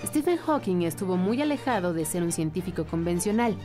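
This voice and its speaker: A woman's voice: fairly low pitch, expressive, fairly quick. A woman reading scripted documentary narration as the narrator. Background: music.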